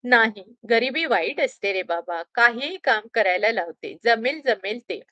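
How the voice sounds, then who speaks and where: Woman narrator doing a caring senior clerk in a storybook reading, gruff tone, dry and bright. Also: a little high, lively intonation, measured pace, no echo, highs cut off. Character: kindly senior shop worker, grown man.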